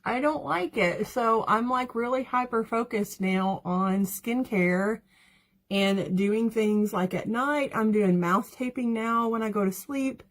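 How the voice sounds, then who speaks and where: A woman's voice: a little high, slow pace. A woman hosts a makeup livestream. She talks in a loose, rambling way, full of "like" and small laughs, and answers viewers between steps. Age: 30s. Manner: chatty, rambling, laughs often, reads out viewer comments. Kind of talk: casual livestream chat while doing makeup.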